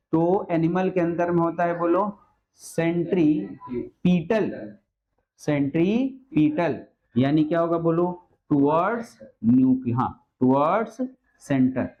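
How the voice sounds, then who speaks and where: A man's voice: fairly high pitch, lo-fi sound. A male biology teacher giving a classroom lecture, coaxing and constantly quizzing his students with questions. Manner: calls students "beta" and "mere lal".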